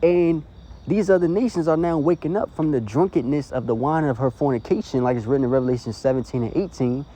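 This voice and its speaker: A man's voice: medium pitch, warm tone. A man preaching informally into his phone, earnest and rambling, tagging lines with "you know" and "okay?". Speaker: street preacher. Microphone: phone recording.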